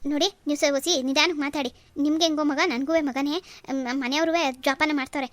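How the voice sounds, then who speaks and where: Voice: sits high, steady tone, a little fast, fairly bright tone, no echo. A voice artist playing a worried young wife who defends herself in a cartoon. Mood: pleading. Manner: pleading, defensive. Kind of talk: cartoon voice acting.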